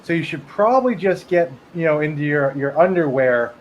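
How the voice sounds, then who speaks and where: A man plays a house-call doctor with a fairly high, offhand voice. The manner is casual, like retelling a joke, with faint room noise. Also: expressive, moderate pace, muffled recording, close to an everyday voice.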